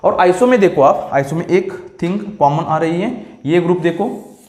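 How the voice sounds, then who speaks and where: Slow-paced male chemistry teacher, echoey room. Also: high-pitched, animated, a little mellow. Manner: explains step by step, keeps checking "clear?" with students. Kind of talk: classroom lecture.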